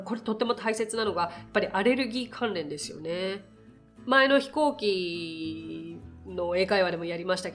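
A young woman hosting a casual English lesson podcast, chatty, laughing often and acting out English phrases. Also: on the low side. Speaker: English teacher.

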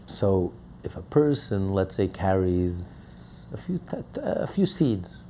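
A man's voice: sits low, very animated, takes it slowly, warm tone, a little hiss or hum. A man teaching a Torah lesson as a rabbi, speaking emphatically and repeating key phrases.

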